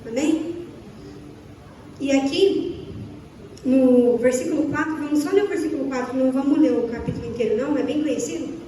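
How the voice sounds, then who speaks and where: High-voiced Brazilian woman preaching in an echoey hall. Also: normal speed, long pauses, warm tone, slight background noise. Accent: Brazilian Portuguese. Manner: asks the listeners repeated questions, acts out little dialogues. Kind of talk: sermon. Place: church hall. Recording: echoey church hall, from far off.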